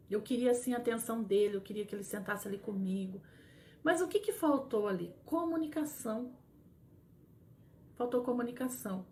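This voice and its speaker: Earnest Brazilian woman, gentle live talk. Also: on the high side, a little hiss or hum. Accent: Brazilian Portuguese. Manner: gentle, earnest, with many pauses and restarts. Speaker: grief counselor for mothers.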